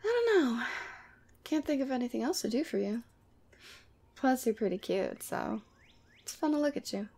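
Using a full character voice that sits high, warm, and creaky, a woman speaks animatedly at normal speed, pausing often. She's acting as a sweet, clingy demon girlfriend in a casual ASMR roleplay drama, teasing, caring, and playfully exasperated.

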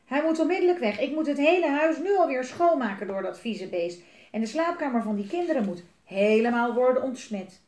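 Shrill, fretful mother, read by a woman; screechy, roomy sound. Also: animated, brisk, a little mellow. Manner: screeching, panicky, whiny. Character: shrill fussy mother fretting about dirt. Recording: roomy echo.

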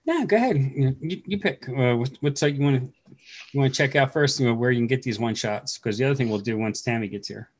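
A middle-aged man hosts a relaxed chat over a video call, his husky voice laid-back and blunt. He swears casually and talks at an ordinary pitch. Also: fast talker. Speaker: host. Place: home room.

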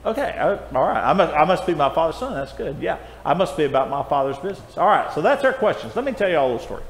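An older man teaching a children's Bible class, friendly and coaxing as he calls on the kids by name, in a church auditorium recorded from a far camera. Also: on the high side. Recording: echoey hall from afar with faint noise.

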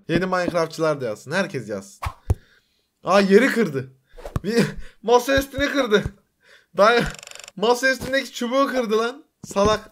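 A young man with a Turkish accent giving an excited reaction commentary, with loud exclamations, laughs and teasing slang. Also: sits high, slight background noise. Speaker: YouTuber reacting to an animation.

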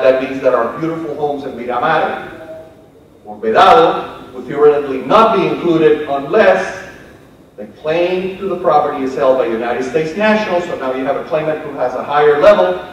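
A man's voice: a little high, a little hiss or hum. An older man, a lawyer giving a conference panel talk with wry, anecdotal humor. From Cuba. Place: conference hall. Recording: echoey hall, distant dull mic.

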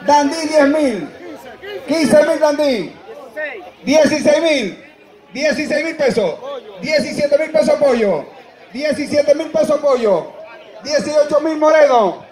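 Projecting to a crowd around an outdoor livestock ring, a Dominican man auctions animals in a very high, expressive voice with a Dominican Spanish accent. He drags out his words slowly, repeats bids and presses buyers loudly and insistently, while his PA microphone echoes and a spectator's camera records it.

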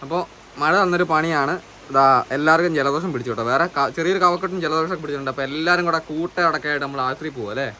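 A man's voice: on the high side, very fast. A man, chatting to camera as a family vlogger at home during heavy rain. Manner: chatty, tells the family news with a laugh. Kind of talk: casual vlog chat to camera. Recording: outdoor mic with loud noise.

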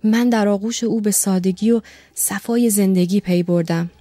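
A woman reading an audiobook, voicing an eager young male secretary who gushes with excitement. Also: medium pitch, no room sound, faint music behind, natural voice. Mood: gushing. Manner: gushing and breathless with joy.

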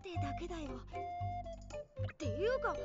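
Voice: very high voice, big pitch swings, a little fast. An actor voicing a modest teenage schoolboy in a game, talking in a hesitant, self-deprecating way. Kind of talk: Japanese game voice acting. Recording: dull lo-fi game audio with loud music.

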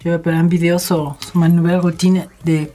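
An energetic woman chats her way through a makeup tutorial. She speaks straight to her viewers in a casual, expressive, friendly manner. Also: on the low side, a little fast, faint music behind. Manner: addresses viewers directly. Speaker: beauty vlogger.

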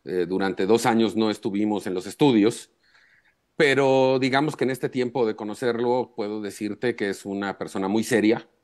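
A man, a journalist guest on a live talk show, giving measured and emphatic analysis. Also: fairly low pitch, a little mellow.

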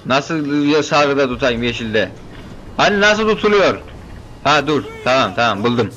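Excitable young man joking through a shooter. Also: medium pitch, normal speed, slight background noise. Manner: joking, excitable, chatting with game characters; keeps saying "brother" as a filler. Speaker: gaming video host. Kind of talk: playthrough commentary.

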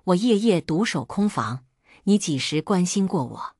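A woman's voice: lowish voice, very animated, a little slow, darkish tone, slightly rough, dry recording, clean studio sound, heavily acted. A woman doing a jealous scheming concubine. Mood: sneering. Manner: sweet-tongued turning cold and sneering. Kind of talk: storytelling voice acting.

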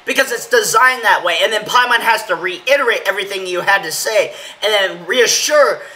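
A man with a hoarse voice giving casual, rambling, opinionated gaming commentary as channel host. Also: high voice, moderate pace, pushed and bright, low-quality recording. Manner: rambling, filler-heavy, opinionated. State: hoarse from yelling.

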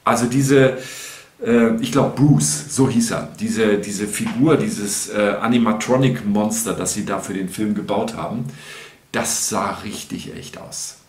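A man's voice: on the low side, a little slow, darkish tone, echoey room. A man in his sixties hosting a whisky review at home, chatting casually with many restarts and fillers. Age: 60s. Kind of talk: casual chat. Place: home room with shelves.

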